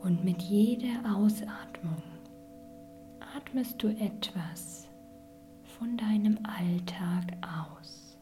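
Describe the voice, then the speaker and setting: A woman whispering a guided sleep meditation like a sleep story narrator, gentle and soothing. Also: mid-range voice, extremely slow, soft background music. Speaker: podcast host and meditation guide.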